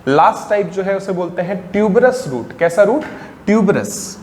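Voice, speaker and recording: A man with a fairly high voice teaches a biology class, echoing through a reverberant room over faint background hiss. He drills key terms by asking them back as questions and answering them himself. When he reaches the English definitions, he slows to a dictation pace. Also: lively intonation, darkish tone. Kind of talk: classroom lecture in Hindi-English mix.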